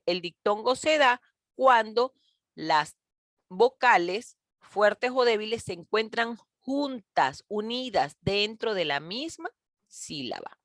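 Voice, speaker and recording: A patient woman teacher walks her young pupils through a grammar lesson over a video call, often pausing to check they follow. Her voice sits at an ordinary middle pitch. The sound is dry and close, with no room around it. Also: a bit bright, no echo. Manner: patient, calls pupils "mis niños" and "chicos", often checks with "¿ok?". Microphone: computer mic on a video call.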